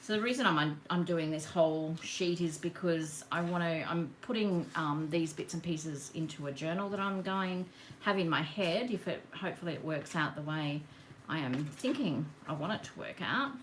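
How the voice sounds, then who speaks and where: A woman's voice: sits low, moderate pace, hardly any pauses, a little hiss or hum. A woman chatting casually through a live craft demonstration at her home work table, rambling and greeting viewers by name. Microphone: camera on the work table.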